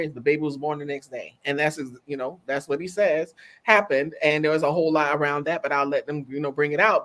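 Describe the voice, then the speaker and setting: Animated woman co-host chatting casually. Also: deep voice. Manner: animated, laughing, talks back to the audience. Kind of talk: casual chat.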